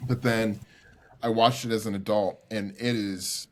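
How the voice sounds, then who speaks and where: A man's voice: lowish voice, steady tone, measured pace. A man in his thirties co-hosting a podcast, talking in a loose, meandering way with many filler words. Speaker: podcast co-host. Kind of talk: casual chat.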